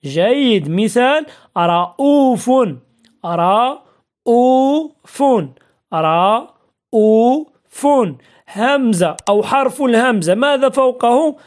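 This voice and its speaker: A woman's voice: on the high side, lively intonation, a little mellow. Patient woman teaching a spelling lesson. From Morocco. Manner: patient, repeats and drills example words slowly, asks and answers her own questions.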